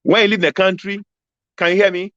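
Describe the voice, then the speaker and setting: A man's voice: sits high, flat delivery, fast, a bit bright, no room sound. Ghanaian man, fifties, candidate on a freezing video call, emphatic, repeats himself, dull dry sound. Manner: emphatic, repeats key phrases. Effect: video call audio that keeps freezing and cutting out. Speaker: political candidate being interviewed. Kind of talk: remote interview answers.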